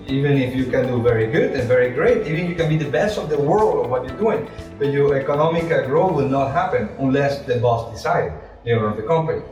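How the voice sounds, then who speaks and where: A man, an English speaker, answering interview questions as an entrepreneur in a halting, repetitive, explanatory way. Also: medium pitch, a little mellow. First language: not English. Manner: halting, repeats words, explains with rhetorical questions. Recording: echoey room, distant mic, music.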